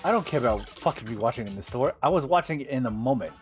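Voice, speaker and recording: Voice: mid-range voice, animated, fast, a little mellow, soft background music. A livestreamer talking at home on a desk mic, swearing often and venting frustration in casual gaming-stream commentary. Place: indoors at home.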